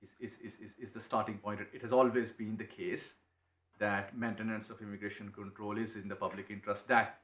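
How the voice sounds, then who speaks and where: Halting barrister in an echoey courtroom. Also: male voice, lowish voice, level tone, fairly bright tone. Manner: halting, many restarts and repeated words. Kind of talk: courtroom legal submission. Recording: echoey courtroom, faint noise.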